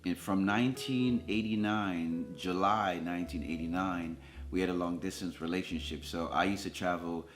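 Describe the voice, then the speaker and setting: Deep-voiced man telling his love story. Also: moderate pace, faint music behind. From Jamaica. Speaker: co-host, husband. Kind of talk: casual chat.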